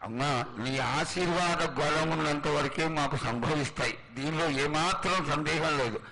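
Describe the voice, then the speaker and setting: Higher-pitched man, reverent priestly supplication. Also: sharp tone. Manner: formal, supplicating, in measured short phrases. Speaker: priest questioning the oracle. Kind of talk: reverent ceremonial address to a goddess. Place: live temple festival ceremony. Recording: noisy live festival sound.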